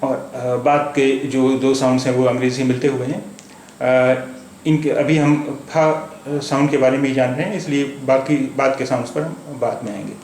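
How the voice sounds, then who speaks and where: A man teaching a spoken English lesson, speaking slowly and repeating words with many hesitations. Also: medium pitch, fairly even intonation, a little mellow. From India. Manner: slow, repetitive, with many hesitations. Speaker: language teacher. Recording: echoey room with faint background noise.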